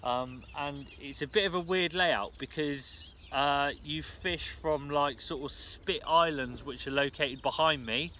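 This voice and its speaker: A man's voice: on the high side, measured pace, few pauses, bright, forceful tone. Man vlogging outdoors, background noise. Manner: informal, laid-back, slangy. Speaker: fishing vlogger. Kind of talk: casual vlog to camera. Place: outdoors at a fishing lake.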